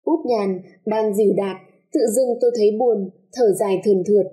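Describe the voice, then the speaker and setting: A woman storyteller narrating a love story dramatically, slowing down for tender moments. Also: mid-range voice, mellow.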